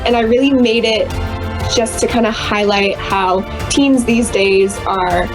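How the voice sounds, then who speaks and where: A teenage girl talks about her entry in a casual, hedging way, with frequent fillers. Music plays clearly in the background. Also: medium pitch, low-quality recording. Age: teens. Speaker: student award winner.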